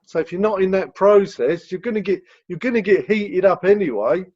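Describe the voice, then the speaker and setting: English man, high voice, rambling advice. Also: lively intonation, brisk, a little mellow. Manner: rambling, explanatory, repeats words. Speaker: rehab director answering questions. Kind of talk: video call Q&A. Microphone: video call. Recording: dull lo-fi video call audio.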